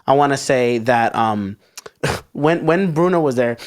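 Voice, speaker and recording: A man's voice: mid-range voice, a little slow. A man co-hosting a casual podcast chat, joking and teasing, often laughing. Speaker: podcast co-host.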